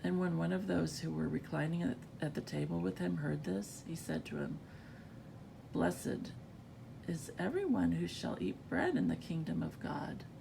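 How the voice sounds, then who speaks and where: Gravelly, just-woke-up woman reading aloud. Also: animated, moderate pace. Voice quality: gravelly, creaky. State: just woke up, groggy morning voice. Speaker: scripture reader. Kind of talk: reading scripture aloud, informal. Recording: rumbly background noise.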